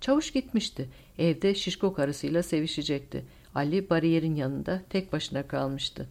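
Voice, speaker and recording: A woman narrating a war novel audiobook with dramatic, expressive storytelling. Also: low-pitched, normal speed, vocal fry. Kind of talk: scripted narration.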